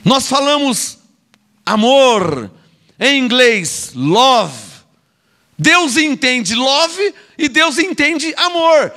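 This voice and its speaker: High bright-voiced scolding Brazilian preacher. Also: male voice, animated, very slow. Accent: Brazilian Portuguese. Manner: scolding, sarcastic, with mocking asides and repeated words. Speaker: apostle preaching. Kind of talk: sermon.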